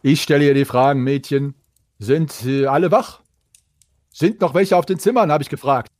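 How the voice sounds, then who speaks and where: A man's voice: fairly high pitch, normal speed, darkish tone, no echo, studio quality, lightly acted. A man voicing a stern town guard sergeant in a fantasy tabletop game, giving clipped orders. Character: stern, commanding male town guard sergeant in full armour.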